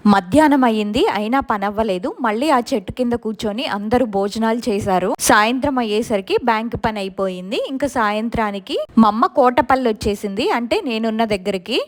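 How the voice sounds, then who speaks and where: Woman narrating a ghost story. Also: a little high. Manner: steady first-person storytelling.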